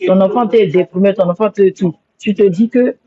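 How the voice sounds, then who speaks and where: In dull, lo-fi phone audio, a social media livestreamer apologizes emotionally during her live stream, rambling and repeating herself. She speaks at a normal speed in a medium-pitched voice with a dark tone.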